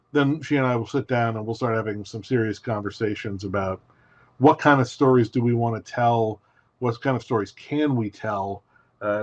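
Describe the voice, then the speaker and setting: In a podcast interview, a male guest writer with a medium-pitched, darkish voice lays out his thoughts in an articulate, methodical way, often asking himself rhetorical questions. The call audio is dry, echo-free and a bit muffled.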